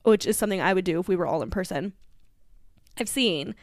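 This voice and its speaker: A woman's voice: lowish voice, brisk, no echo, clean studio sound. A woman co-hosting a podcast in casual chat, talking with lots of fillers and laughs. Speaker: podcast co-host.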